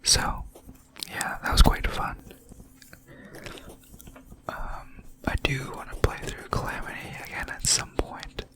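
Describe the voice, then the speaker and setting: A video creator whispers right up close, as if leaning in to each ear. The delivery is very slow and halting, a breathy, unvoiced ASMR ramble over gameplay that drifts along with pauses between short phrases. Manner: hesitant, halting, unhurried rambling.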